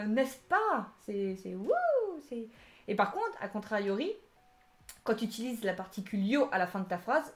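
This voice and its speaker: A woman teaching a casual live-streamed language lesson, chatty and full of asides and restarts. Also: fairly high pitch.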